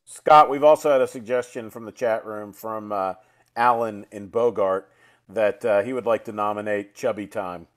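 A man's voice: on the low side, fairly even intonation, normal speed. Man reading chat suggestions unhurriedly. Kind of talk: casual chat on a video call. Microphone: video call.

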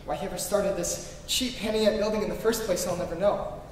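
A man performs live in an old-time radio drama as a passionate, earnest young idealist. He speaks fairly quickly in a high, natural voice with fairly even intonation. Captured from a distance in a reverberant hall, the sound is echoey and a bit noisy.

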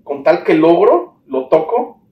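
A man with a Mexican accent tells his own story in an interview, acting out the voices of the people he dealt with. His voice sits a little high for a man. He sounds set back from the mic in a roomy, echoey space with faint ambience behind him. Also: slow pace, gravelly, far from the mic, dull audio, slight background noise. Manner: animated storytelling, acts out the dialogue he recalls. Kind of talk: personal account in an interview.

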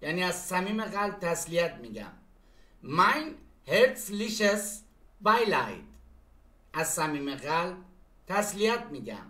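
A man teaches German phrases, saying each German sentence slowly before explaining it. His voice is high and bright. The room around him is echoey. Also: sing-song. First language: Persian. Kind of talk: language lesson.

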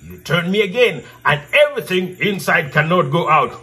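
A male storyteller with a high, bright voice that swings widely in pitch. He poses riddles theatrically, repeating each question and stretching key words for emphasis. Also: big pitch swings, normal speed. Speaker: storyteller and channel host. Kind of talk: interactive storytelling, posing riddles to children. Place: indoor room with brick wall backdrop.

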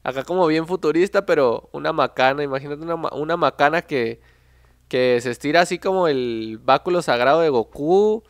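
A man's voice: on the high side, fairly quick, dry recording, studio quality. A man with a Mexican accent giving casual, joking gameplay commentary, full of slang, reading the game text aloud. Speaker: gaming youtuber.

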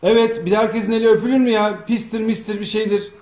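A man with a high-sitting, steady, darkish voice talks fast as the off-camera director of a comedy sketch, bossily and teasingly coaching performers and feeding them lines. He is indoors in a home dining room, with an echoey sound and faint noise.

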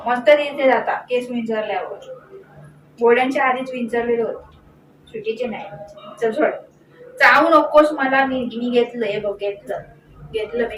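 A young woman with a slightly high voice talks slowly to her dogs at home, coaxing them and fondly scolding them in short, repeated commands. She is recorded from some distance, so her voice carries a roomy echo. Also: a bit bright, slight background noise. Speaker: pet vlogger. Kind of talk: casual talk to pet dogs.

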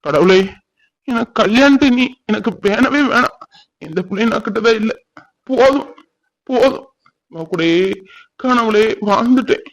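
A brooding, heartbroken young villager, voiced by a man,. His cartoon voice sits fairly high and comes out mournful, pleading and slow with tears. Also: steady tone, fairly bright tone, dry recording, close to an everyday voice, low-quality recording. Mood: grieving. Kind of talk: cartoon voice acting.

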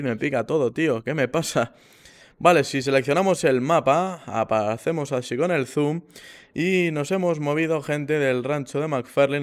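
A man with a Spain accent hosts a gaming video at a very quick pace. His mid-pitched voice gives casual commentary, informal and peppered with swearing. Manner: informal, swearing, repeats words. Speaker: gaming channel host. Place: indoor room at a gaming setup.

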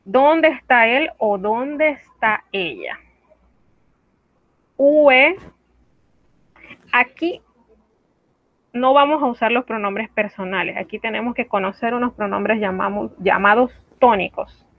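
A woman French teacher giving an online lesson, explaining phrases carefully and repeating each one slowly for practice. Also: on the high side, no echo. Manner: slow, careful drilling of phrases with repetition. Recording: dry, phone-like narrow sound.

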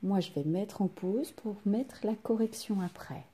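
Teacher, female, recorded home lesson for children: slow, mellow, slightly husky delivery, sounds drawn out. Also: medium pitch. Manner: slow, clearly articulated, stretches out sounds. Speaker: primary school teacher. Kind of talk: recorded reading lesson for young pupils.

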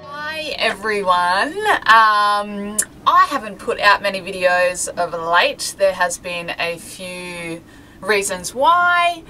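A woman in her thirties with an Australian accent, chatting casually to camera from a small boat cabin, relaxed and full of ums. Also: mid-range voice, slow pace, recorded from a distance, faint music behind, poor audio. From South Australia. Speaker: sailing vlogger. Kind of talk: casual vlog talk to camera.

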